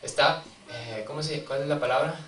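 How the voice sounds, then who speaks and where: Male preacher, slightly higher voice, chatty storytelling sermon, picked up from a distance in an echoey church. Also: normal speed, fairly bright tone. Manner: conversational storytelling, acting out quotes, asking the congregation questions. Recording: distant mic in a reverberant church, faint ambience.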